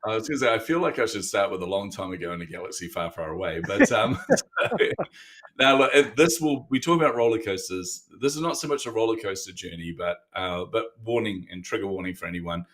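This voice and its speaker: A man from New Zealand, a neuromarketing coach guest on an interview, telling stories in a casual, animated way and acting out the exchanges he quotes. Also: on the low side, a little fast.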